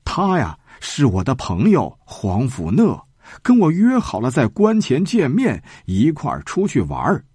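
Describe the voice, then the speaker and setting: A man's voice: mid-range voice, wildly swooping pitch, measured pace, dark tone, breathy edge, dry recording, studio quality, voice pushed up, heavily acted. A man voicing a crafty, friendly old man in a spoken storybook, talking in a sly, coaxing way.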